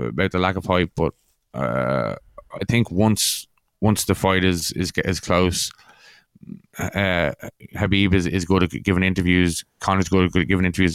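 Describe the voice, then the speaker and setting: Guy co-hosting a podcast, low smooth voice, kinda halting and understated. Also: dry recording. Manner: hesitant, repeats phrase openings, understated. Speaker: podcast co-host and MMA analyst. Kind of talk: casual chat.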